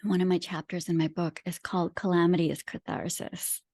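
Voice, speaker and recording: This woman, an author from Pakistan whose first language isn't English, speaks briskly as a guest in a reflective interview, earnest and emphatic with a philosophical bent. Her lowish voice has little pitch movement, a darkish tone and a breathy edge. There's no echo.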